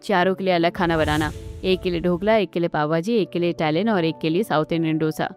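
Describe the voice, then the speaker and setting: A woman's voice: lowish voice, fast, faint music behind, voice pushed down, close to an everyday voice. A woman voicing a stern, bossy middle-aged mother-in-law in a cartoon story, speaking harshly. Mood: scolding.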